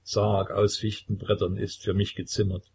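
A man's voice: fairly low pitch, flat delivery, moderate pace, a little mellow, a little hiss or hum, natural voice. A man voicing a male holy fool who chants a mournful song in a storybook reading.

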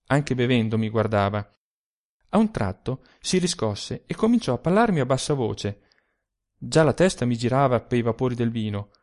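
A man narrating a literary story in a slow, expressive storytelling manner. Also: mid-range voice.

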